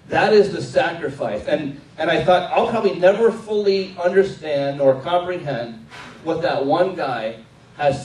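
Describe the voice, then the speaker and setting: A middle-aged man, a military chaplain, giving an earnest inspirational speech to a live audience and slowing down to stress his key points. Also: fairly high pitch, a little mellow. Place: large room before an audience. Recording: echoey room, distant mic, faint background noise.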